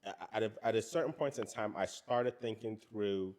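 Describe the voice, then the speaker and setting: A man's voice: lowish voice, normal speed, darkish tone. A middle-aged man with an African accent, talking in a reflective, searching way in a casual roundtable chat, often repeating words as he starts a thought.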